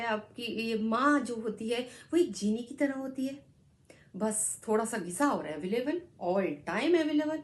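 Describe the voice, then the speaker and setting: A woman's voice: high voice, a little mellow. Earnest woman sharing a personal story. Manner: earnest and emotional, addresses viewers as friends. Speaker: actress sharing a life story. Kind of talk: heartfelt personal storytelling to camera.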